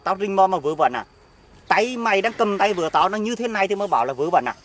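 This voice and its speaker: A middle-aged man with a Northern Vietnamese accent playing a jealous, hard-drinking husband who shouts sarcastic accusations outdoors in an orchard, in an amateur skit. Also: high-pitched, animated, quick pace. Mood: accusing.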